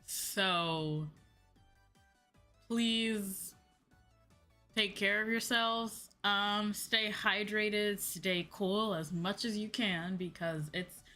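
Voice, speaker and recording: A woman hosts a VTuber chat stream, talking casually and informally and repeating herself for emphasis. Her medium-pitched voice is bright and forceful, very slow, with fairly even intonation. Music plays in the background behind her.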